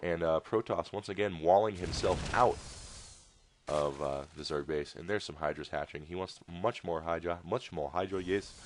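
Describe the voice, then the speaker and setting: A man's voice: deep voice, moderate pace, slight background noise. A man casting a strategy game replay in a casual, rambling way with jokey asides. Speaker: game caster. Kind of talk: casual video game commentary.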